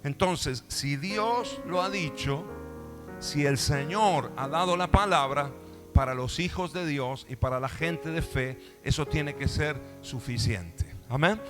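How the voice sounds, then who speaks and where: A man's voice: a little high, slow, over music. A male pastor with a Rioplatense Spanish accent, preaching a sermon in a church, emphatic, with call-and-response asides and playful acted-out dialogue. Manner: acts out quoted dialogue, laughing often.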